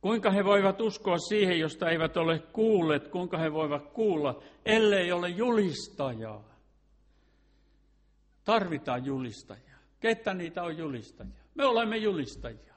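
An earnest man delivers a sermon, his voice sitting a little higher than most men's. He leans on rhetorical questions and now and then restarts a phrase as he works through his point. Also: lively intonation. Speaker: preacher.

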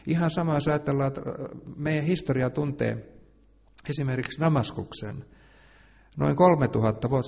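A man's voice: mid-range voice, vocal fry, in a large hall. Man preaching with big dynamic swings. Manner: swings from hushed asides to loud emphatic declarations. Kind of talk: sermon.

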